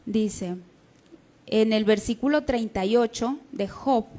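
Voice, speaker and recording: A woman delivers a sermon in a high voice. She teaches in a conversational way, often pausing to ask her congregation whether they follow. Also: mellow. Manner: conversational teaching with frequent checking questions. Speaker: preacher.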